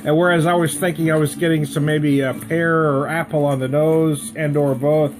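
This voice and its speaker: A man hosts a casual tasting vlog. His voice sits a little high, and he rambles in a jokey, chatty way. Music plays clearly behind him. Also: little pitch movement, moderate pace. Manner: jokey, rambling, chuckles at own asides. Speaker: whisky reviewer and vlog host.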